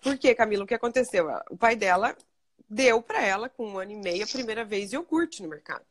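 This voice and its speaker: A woman hosting a casual live chat about parenting, talking fast and acting out the things she and her young daughter say to each other. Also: medium pitch. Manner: fast, animated, acts out talks with her daughter. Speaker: host.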